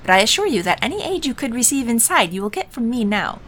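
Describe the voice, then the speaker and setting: A woman's voice: fairly high pitch, sing-song, fast talker, fairly bright tone, a little hiss or hum, voice pushed up. A woman voicing a pompous male wizard advisor from a game, with solemn, theatrical, hammy stage delivery, falsely subservient. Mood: grave, evasive. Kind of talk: video game dialogue read-aloud.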